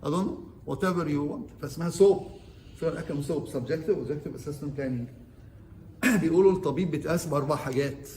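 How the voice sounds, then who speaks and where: A fast-talking Egyptian man with a slightly high voice lectures interns as their surgeon. He quizzes the room and switches between Arabic and English terms. The recording is roomy and echoey, with faint ambience underneath. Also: a little mellow, a little hiss or hum. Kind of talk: orientation lecture.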